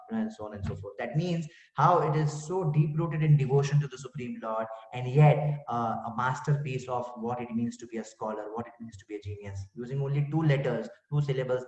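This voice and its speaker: A man's voice: medium pitch, darkish tone. Man giving a spiritual talk. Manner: rhetorical questions, frequent "you know" and "huh". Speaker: spiritual speaker. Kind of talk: inspirational talk. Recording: dull far-off roomy recording.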